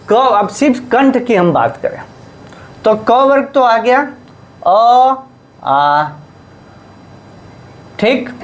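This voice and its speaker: Slow, deliberate Hindi teacher. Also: male voice, high voice. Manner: asks the class questions and answers them himself; repeats key terms slowly. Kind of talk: classroom lesson.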